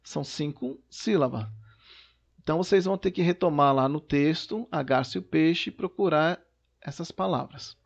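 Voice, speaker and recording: A man's voice: a little high, normal speed, vocal fry, highs cut off. A male teacher recording a lesson at home, patiently explaining worksheet questions and often checking in with "né" and "tá". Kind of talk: recorded remote class lesson.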